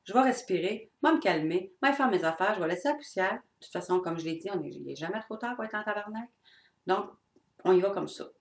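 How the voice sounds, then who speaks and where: A woman's voice: mid-range voice, animated, fast, gravelly. A middle-aged woman with a Québécois accent giving an unscripted, blunt and earnest talk on personal growth to her viewers. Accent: Québécois French. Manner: blunt and earnest, with swearing and mimicked voices. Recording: echoey room.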